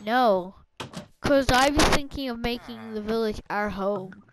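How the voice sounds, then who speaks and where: Over very noisy audio, a young female gamer talks at a measured pace in a somewhat high voice. She's casually chatting with a friend during gameplay, ordering them around and cursing freely.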